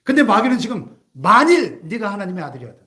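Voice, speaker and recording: A man's voice: high-pitched, big pitch swings, fast talker, pushed and bright. A male pastor preaching a sermon in a church, emphatic, with rhetorical questions and humorous asides. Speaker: senior pastor. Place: church sanctuary. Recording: echoey church hall.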